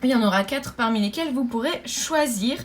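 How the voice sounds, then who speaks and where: A woman's voice: fairly high pitch, lively intonation, brisk. Cheerful woman vlogger, chatty and giggly, talking straight to her followers over a faint hum. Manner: bubbly, chatty, laughs often, many fillers. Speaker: budgeting vlogger. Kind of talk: casual chat to viewers.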